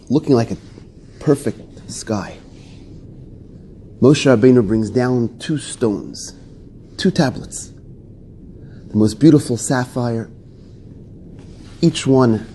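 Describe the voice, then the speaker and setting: A rabbi teaches a Torah lesson at a deliberate, measured pace. His voice is mid-pitched and mellow, and he lays out each point one at a time.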